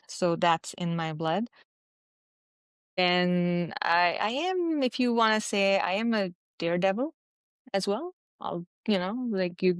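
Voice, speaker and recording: Guest: woman, chatty and animated, smooth clear voice, dry close sound. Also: fairly low pitch, no echo. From Pakistan. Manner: chatty, animated, many "you know" fillers. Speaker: interview guest, physician and mountaineer. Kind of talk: casual interview storytelling.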